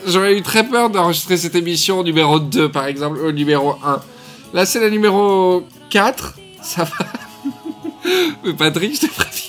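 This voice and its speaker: A man hosting a casual podcast chat, joking and teasing his guests in an excitable way. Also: high voice, moderate pace, faint music behind. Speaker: podcast host.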